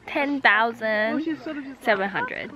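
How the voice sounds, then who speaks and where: A woman in her twenties, vlogging with a camera at arm's length on a walk and at a train station, chatty and excitable. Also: on the high side, slow, crowd noise. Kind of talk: casual chat. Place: forest trail outdoors, then a train station. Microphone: handheld camera at arm's length.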